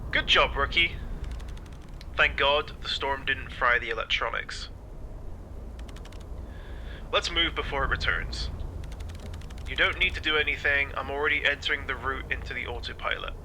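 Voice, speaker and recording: An old sailor in a video game, a grumbling mentor who orders a rookie about. The voice is very sharp and forceful, with bossy, old-timer delivery. A faint noise sits behind it. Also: male voice, mid-range voice, normal speed, pauses often. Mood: brisk. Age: older. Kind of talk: video game character acting.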